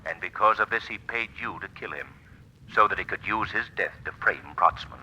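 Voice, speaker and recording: An actor playing a commanding, self-assured gentleman sleuth, speaking in the declamatory manner of 1940s radio. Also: low voice, moderate pace. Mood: accusing. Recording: faintly noisy old radio recording.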